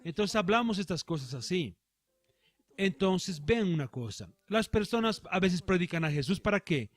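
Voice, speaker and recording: High-voiced man preaching a sermon. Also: animated. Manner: emphatic preaching with slow stressed phrases. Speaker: pastor. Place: church.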